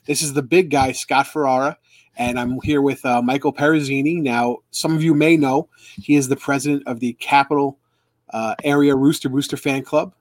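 A man's voice: mid-range voice, steady tone, moderate pace, no room sound. Guy running a fan club live stream, rambly, lots of ums, mid voice, dry close sound. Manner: rambling, many fillers and restarts. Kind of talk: casual live-stream chat.

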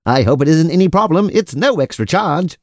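An eager, polite waiter played by a man, with a very animated sing-song delivery. He is formal and obliging, in comic audio drama style, recorded close and dry. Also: on the high side, fairly quick, no room sound, natural voice. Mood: eager to please.

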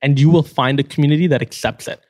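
A man's voice: fairly high pitch, fast talker, a little mellow. A young man from Canada with a Canadian accent, chatting energetically as a podcast guest and laughing often. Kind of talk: casual podcast chat.

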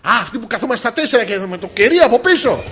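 A man's voice: very high-pitched, sing-song, fairly bright tone. A man co-hosting a comedy podcast, bantering in a mock-vain, teasing way with swearing and bursts of laughter. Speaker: podcast co-host.

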